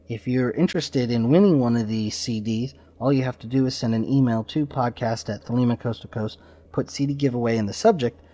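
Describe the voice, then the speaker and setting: The host's mid-range voice has a warm tone as he opens his podcast with casual introductions. His manner is informal and a bit rambling, and the lo-fi recording is slightly dull.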